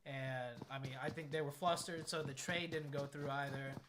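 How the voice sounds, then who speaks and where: A man's voice: medium pitch, steady tone, normal speed. A man doing conversational play-by-play and analysis of a shooter match, explaining the tactics as he goes. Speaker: esports commentator. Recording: clear noise, game gunfire and clicks. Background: gunfire and clicks from the game.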